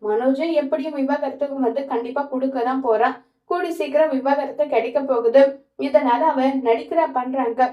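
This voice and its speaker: A woman's voice: high-pitched, steady tone, moderate pace, reverberant, dull audio, close to an everyday voice. A woman reading the lines of a blunt young man who angrily refuses a mother's plea. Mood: angry. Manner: angry, reproachful.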